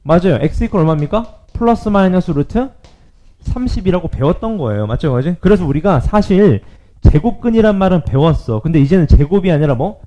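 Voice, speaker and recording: A male math teacher giving a lively classroom lecture, often checking in with his students. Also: sits high, brisk, lo-fi sound.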